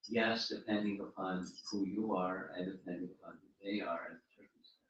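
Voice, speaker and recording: A spiritual teacher with a fairly low voice talks informally about religion and takes questions at a home gathering, frequently restarting and repeating himself. He speaks a little fast in a steady, fairly bright tone. Captured from a distance in a very echoey room, the sound is dull and muffled.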